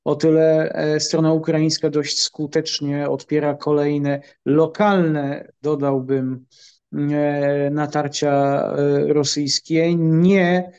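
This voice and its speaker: A middle-aged man from Poland, a military analyst answering interview questions in a measured, halting way with many filler pauses. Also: fairly high pitch, flat delivery, darkish tone, smooth, highs cut off.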